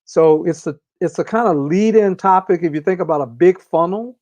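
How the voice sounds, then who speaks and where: Man, interview guest, slightly high pitch, deliberate pauses, dry close sound, muffled audio. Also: a little mellow, no room sound. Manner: measured and deliberate, with drawn-out pauses. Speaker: interview guest, organizational consultant. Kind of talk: reflective conversational explanation.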